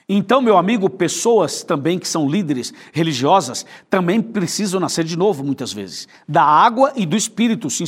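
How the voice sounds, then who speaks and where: Husky-voiced Brazilian pastor preaching intimately. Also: male voice, a little high. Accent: Brazilian Portuguese. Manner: intimate, inviting address to the viewer; repetitive rhetorical questions. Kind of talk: evangelistic sermon.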